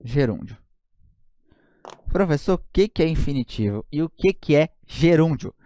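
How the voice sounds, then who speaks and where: A man's voice: fairly high pitch, animated, normal speed, mellow, no room sound, studio quality. A man with a Brazilian Portuguese accent teaching an online grammar lesson, joking and often checking in with his students.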